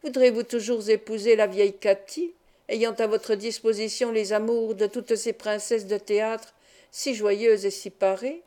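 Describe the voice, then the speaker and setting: Anxious pious young woman, pleading; a woman reader voices her. Audiobook, soft mellow tone. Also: medium pitch, fairly even intonation, a little slow, lightly acted. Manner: worried, pleading. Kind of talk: audiobook reading.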